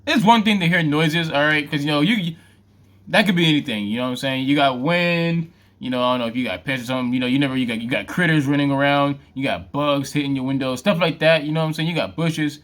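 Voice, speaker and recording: A man's voice: a little high, fast talker, a bit bright. A man hosting a reaction video, talking back at a clip in slangy, laughing casual commentary.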